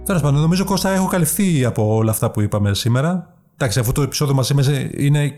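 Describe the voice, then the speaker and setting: A man's voice: medium pitch, lively intonation, darkish tone, faint music behind. A man hosting a casual podcast over a remote call, teasing his co-host with playful questions. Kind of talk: casual podcast chat with bloopers.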